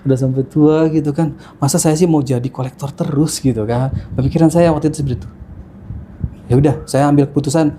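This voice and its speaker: A man in his thirties talks through his life story as a podcast guest, stopping often on fillers and restarting his sentences. His voice is mellow and warm. A faint hiss sits under the recording. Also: a little high, fairly even intonation, quick pace. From Jakarta, Indonesia. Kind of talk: casual interview chat. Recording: faint background noise.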